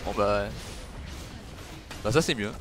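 A man's voice: on the low side, slow pace, over music. A young man, chatting casually with his viewers while playing and teasing them back. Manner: chatty, teasing, answering chat. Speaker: streamer. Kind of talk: casual gameplay commentary with chat.

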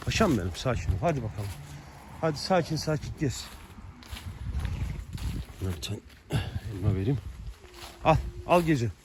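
Outdoors on a rural farm, a man who vlogs about his horses and dogs chats casually with his animals and his viewers, coaxing them one moment and giving firm commands the next. His mid-range voice swings widely in pitch at a moderate pace, with frequent pauses. A little hiss or hum is present.

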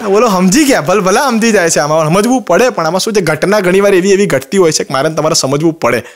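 High-voiced, fast-talking Gujarati comedian. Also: male voice, some chatter behind. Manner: rapid, animated anecdotes with quoted dialogue. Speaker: stand-up comedian. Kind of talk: comic storytelling monologue.

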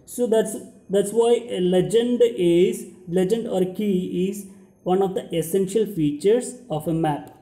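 A young man with a high, very mellow voice gives a lecture like a schoolteacher. He explains each point and then restates it. The room adds noticeable echo. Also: a little slow. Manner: lecturing, explanatory, repeating and rephrasing key points. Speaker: geography teacher. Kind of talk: slide lecture. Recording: roomy indoor echo.

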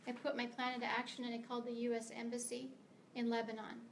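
Woman, middle-aged, from the United States, guest author, prepared talk, earnest, emphatic, slightly high voice. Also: monotone, quick pace, creaky, a little hiss or hum. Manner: earnest, emphatic, sometimes stumbling. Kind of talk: prepared speech to a meeting. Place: meeting room of a library.

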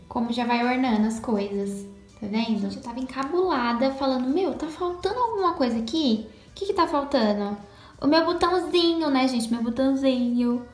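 A young Brazilian woman chatting to viewers while showing a phone tutorial, checking in with them often. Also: a little high. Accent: Brazilian Portuguese. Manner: chatty, talks straight to viewers with lots of "tá?" and "né?". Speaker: lifestyle vlogger. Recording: echoey room with background music.

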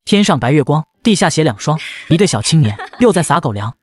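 A man recapping a fantasy comic in a brisk, lively storytelling voice. He talks very fast, with a voice a bit higher than most men's. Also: husky, no echo. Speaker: narrator.

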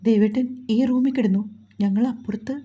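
A woman's voice: on the high side, fairly even intonation, normal speed, breathy edge, lo-fi sound. A woman voicing a timid, apologetic young mother in a storybook reading. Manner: soft, apologetic.

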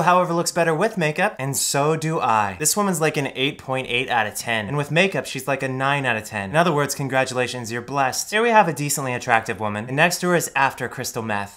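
A young man hosting his channel, giving sarcastic, mocking commentary as he rates viewer photos. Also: medium pitch. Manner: snarky, mocking, deadpan jokes. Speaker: YouTube host rating viewer photos.

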